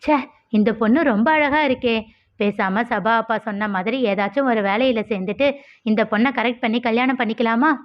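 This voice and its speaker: A woman's voice: fairly high pitch, highs cut off, lightly acted. A woman voicing a cheeky, jobless young man who teases everyone. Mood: mock-outraged. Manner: teasing, mock-dramatic, quick.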